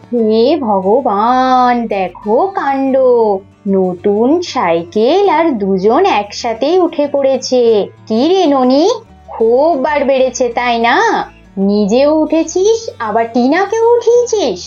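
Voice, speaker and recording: A woman's voice: high-pitched, big pitch swings, takes it slowly, warm tone, heavily acted. A woman voicing a strict, anxious mother who scolds her children and worries that they will get hurt. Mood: scolding. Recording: slightly muffled with faint music.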